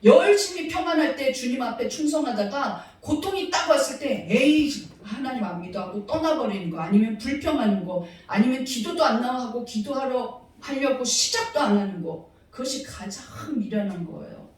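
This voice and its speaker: A woman's voice: high voice, animated, moderate pace, hardly any pauses. A woman preaching a sermon to her congregation, earnestly asking them rhetorical questions. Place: church sanctuary. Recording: very echoey hall, mic far off.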